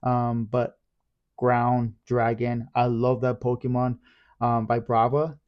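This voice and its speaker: A man's voice: mid-range voice, flat delivery, slow, muffled recording. A man hosting his own collecting channel, chatting casually to camera in a rambling, enthusiastic way, often correcting himself.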